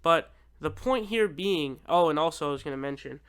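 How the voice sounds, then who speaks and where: Guy with a clear lightish higher voice doing casual political reaction stuff, swears a lot, exasperated. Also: animated, normal speed, a bit bright. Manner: informal, sweary, exasperated, incredulous. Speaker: YouTube political commentator.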